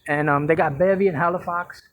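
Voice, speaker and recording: A man from Puerto Rico vlogging on the street, telling animated stories in casual street talk into a gimbal camera. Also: fairly high pitch, a little fast. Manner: animated storytelling, New York street talk. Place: outdoors on city streets. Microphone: handheld camera on a gimbal. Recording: noisy street with traffic. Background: street traffic noise.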